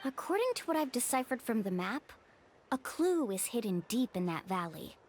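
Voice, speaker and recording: Mualani, animated high-voiced young guide. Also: female voice, moderate pace, a little hiss or hum. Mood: explaining. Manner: confident, explanatory, animated. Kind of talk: video game voice acting.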